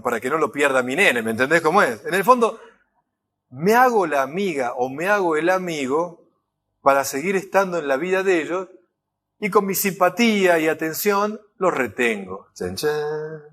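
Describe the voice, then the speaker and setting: A man with a Rioplatense accent gives an animated, conversational lecture. He keeps checking that the audience is following him. His voice sits fairly high for a man. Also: brisk. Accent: Rioplatense Spanish. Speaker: enneagram lecturer. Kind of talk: recorded lecture.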